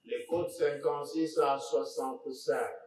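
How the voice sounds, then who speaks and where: A man, reading out court exhibits as a lawyer, slow and deliberate with pointed remarks. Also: a little high, fairly even intonation, a little mellow. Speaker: court lawyer presenting evidence. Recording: echoey courtroom from far off.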